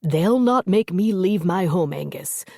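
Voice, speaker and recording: A woman's voice: lowish voice, animated, measured pace, vocal fry, warm tone, no room sound, studio quality, voice pushed up, exaggerated voice. A woman voicing a brawny, hot-headed older male warrior who bellows stubbornly in a storybook reading. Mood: defiant.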